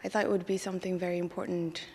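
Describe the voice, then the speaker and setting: A woman's voice: fairly low pitch, little pitch movement, racing, a little mellow, long reverb tail, slight background noise. A woman from Mexico, a graduate student, speaking carefully and earnestly about why she took a course. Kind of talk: recorded student testimonial.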